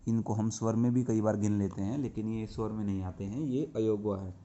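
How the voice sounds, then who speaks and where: A man teaching a grammar lesson to young pupils. He explains slowly and step by step, asking questions and answering them himself. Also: lowish voice, fairly even intonation, mellow. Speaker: school teacher. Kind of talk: classroom lesson. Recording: dull lo-fi recording.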